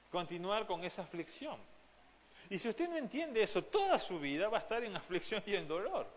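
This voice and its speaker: A man from Argentina, preaching a sermon as pastor, earnest and direct, often asking the congregation questions. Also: sits high. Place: church.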